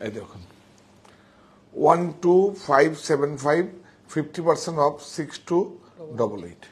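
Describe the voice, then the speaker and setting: Man, live saree sales pitch, excited, repetitive, calls out to helpers. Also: moderate pace. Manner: excited, repeats words, directs helpers. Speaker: saree shop seller.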